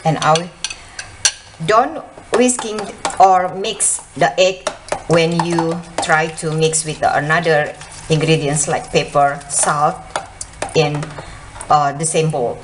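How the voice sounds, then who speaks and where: Slow, low-voiced woman cooking. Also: noisy background. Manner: slow, simple non-native English with pauses. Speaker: home cook. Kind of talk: cooking tutorial. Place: home kitchen. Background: dishes, cutlery and stirring sounds.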